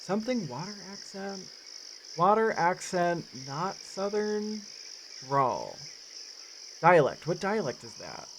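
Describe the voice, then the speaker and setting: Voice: mid-range voice, sing-song, takes it slowly, slight background noise. A streamer giving casual live commentary on a cozy game, playful and goofy, chatting to viewers. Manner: playful, goofy, talks to chat.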